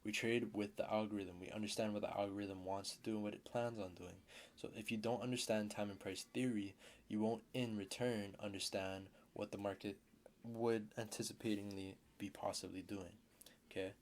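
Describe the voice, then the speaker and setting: Man, lowish voice, trading mentor, blunt, casual lesson, repeats key terms. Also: fairly even intonation, moderate pace.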